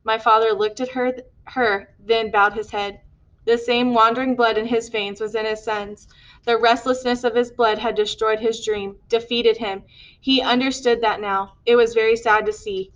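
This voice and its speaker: A woman narrating an audiobook in a steady, earnest read. Her voice sits a little high for a woman. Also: normal speed, dull audio. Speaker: audiobook reader.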